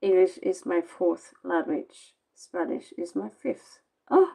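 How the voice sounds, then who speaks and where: A woman from Norway talks slowly through a late-night tarot reading, sounding tired, rambling bluntly and sarcastically in her second language with a Norwegian accent. Her voice is low, mellow, and gravelly, with plenty of fry.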